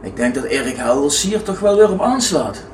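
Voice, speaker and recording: A man's voice: a little high, very animated, brisk, far from the mic, slight background noise. Playful male co-host, roomy off-mic sound. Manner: playful, teasing the guests. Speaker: podcast co-host. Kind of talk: casual podcast chat and sponsor reads.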